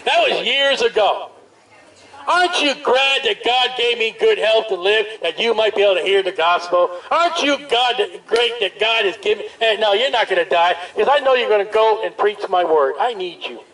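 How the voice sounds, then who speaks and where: Through a portable speaker at a bustling street festival, a man with a high voice preaches in the open air. His loud, emphatic delivery hammers home drawn-out phrases, captured from afar amid surrounding noise.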